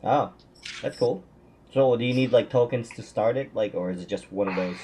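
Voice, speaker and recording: A man's voice: medium pitch, moderate pace, dark tone, a little hiss or hum. A man co-hosting a casual gaming podcast, asking questions with some hesitant restarts. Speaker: podcast co-host.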